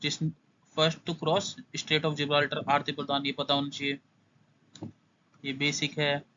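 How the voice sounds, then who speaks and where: A man's voice: on the high side, monotone, slow, bright, forceful tone, muffled recording, a little hiss or hum. A young man giving a casual exam-prep lesson, skimming through points and repeating what students must know.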